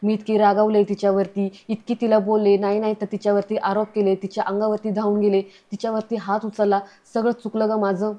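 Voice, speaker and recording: A frightened young woman from a television serial, tearful and pleading as she hides a secret, read by a woman narrator. Her voice stays mellow and flat in pitch. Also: a little fast, hardly any pauses, close to an everyday voice.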